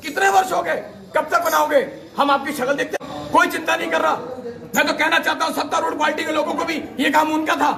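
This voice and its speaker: Fiery fast-talking man with a very high voice. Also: fairly bright tone. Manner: fiery, accusing, rhetorical questions. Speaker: protesting political worker. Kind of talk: impassioned protest statement to reporters. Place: outdoors at a street protest.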